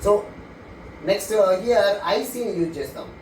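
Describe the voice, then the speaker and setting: A man with a Telugu accent teaches an English grammar lesson in a high voice. He reads the definitions slowly and then explains them quickly. The recording is echoey and distant, with a faint hiss. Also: sing-song, darkish tone.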